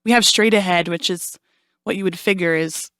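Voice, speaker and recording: A woman's voice: on the low side, normal speed, no room sound, clean studio sound. A young woman, a jazz vocalist, telling stories in an interview and acting out the quotes she tells. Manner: animated storyteller, acts out quotes. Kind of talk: casual interview chat.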